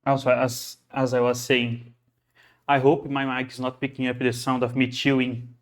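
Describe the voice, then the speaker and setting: A man's voice: medium pitch, completely flat delivery, moderate pace. A man streaming a game, chatting casually and reading the story aloud, rambling and correcting himself, speaking into a phone held close. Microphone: phone held close to the mouth.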